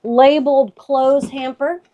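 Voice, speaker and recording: A woman's voice: high-pitched, steady tone, slow pace, dark tone, muffled recording. A woman chatting casually and playfully as she hosts a walk-through tour inside a camper trailer. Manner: playful, joking. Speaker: vlog host giving an RV tour.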